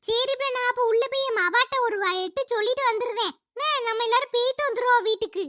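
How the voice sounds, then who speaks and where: A chattering middle-aged village woman from a cartoon, put on by a voice actor, with a lilt. Her voice is sped-up, squeaky and extremely high, bright and sharp. It sits close and dry, with no room around it. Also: dry recording. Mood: fussing. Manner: bossy, rapid village gossip. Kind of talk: cartoon voice acting.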